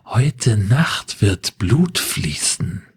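A man voicing a slimy, menacing tentacled male monster who taunts in a slow, hissing, breathy whisper in an audio story. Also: fairly low pitch, very animated, full character voice.

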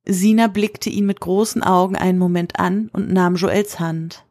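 A woman reading a story aloud in a measured storytelling manner. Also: fairly low pitch, fairly even intonation, darkish tone, no room sound. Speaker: narrator. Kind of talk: scripted narration.

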